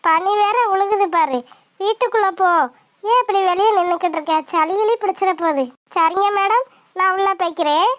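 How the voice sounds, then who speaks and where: A woman voices a bold, lively young village girl for a cartoon, speaking up plainly and without fear. Her voice sits very high. The sound is dry and close. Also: fairly quick, dry recording. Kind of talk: cartoon voice acting.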